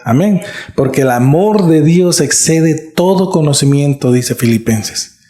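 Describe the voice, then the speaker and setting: A man's voice: fairly high pitch, animated, measured pace, warm tone. A middle-aged man preaching a sermon as pastor, earnest and conversational, often checking in with his listeners. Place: church. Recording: echoey church room.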